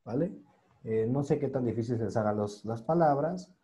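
A man's voice: mid-range voice, a little fast, warm tone. A man teaching an online English class over a video call, patiently spelling out words and translating them.

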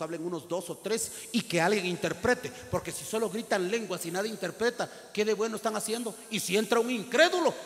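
High-voiced male preacher in a reverberant hall. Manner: acts out little scenes in other voices, then preaches and prays loudly. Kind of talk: sermon. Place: church service. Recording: long hall reverb with music.

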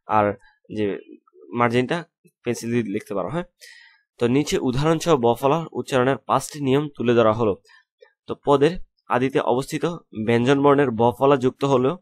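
A young man tutoring students online, walking through a homework assignment with repeated step-by-step instructions. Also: mid-range voice. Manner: rapid, repetitive instructions to students. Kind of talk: assignment walkthrough lesson.

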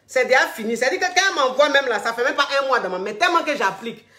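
A woman's voice: sits high, lively intonation, very fast, bright, forceful tone. A woman hosting a vlog, giving casual, familiar relationship advice and repeating herself as she speaks to her listeners as darling. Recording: roomy echo.

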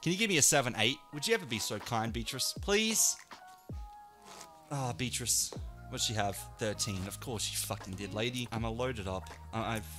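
A man commentating his own live blackjack play, excitable and swearing a lot, swinging from low muttering to loud shouts. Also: brisk, faint music behind. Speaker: online casino streamer.

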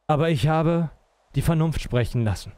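A man's voice: a little high, normal speed, warm tone, smooth, no room sound. A man playing a captured character in a roleplay, pleading and stammering nervously. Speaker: roleplay player as captured agent.

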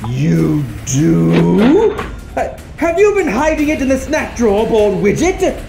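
Casting: excitable little boy alien for a kids' puppet show, high swooping voice, dramatic delivery. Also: slow pace, creaky, exaggerated voice. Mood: greedy, insistent. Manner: exclamatory, stammering, dramatic. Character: excitable pink alien puppet, boyish, treasure-obsessed. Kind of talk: children's puppet show acting. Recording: music behind the voice.

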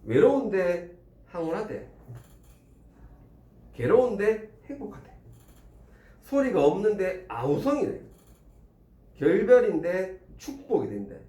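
Lively man teaching a class. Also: high voice, takes it slowly, long pauses. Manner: animated, teasing, quizzes students. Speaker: Korean language tutor. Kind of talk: classroom lecture. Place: small classroom. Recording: roomy classroom, faint ambience.

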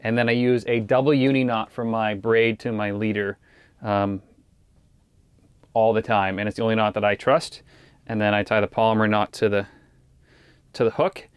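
This fishing vlogger chats loosely and ramblingly with viewers, an action camera pointed at him inside a little ice fishing shelter out on a frozen lake. He has a lowish voice with a level tone, speaks at normal speed and pauses often. His sound is clear and resonant, without echo.

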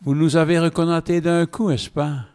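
A man's voice: fairly high pitch, little pitch movement, moderate pace, a little mellow, clean tone, pitched above the performer's own voice, lightly acted. A man reading as a weary folksy Walloon traveller.

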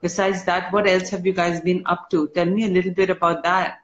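A woman hosting a casual live stream, reading fan comments aloud and answering slowly while a little unwell. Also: fairly low pitch. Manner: slow, relaxed, answers comments one by one. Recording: dull lo-fi stream audio.

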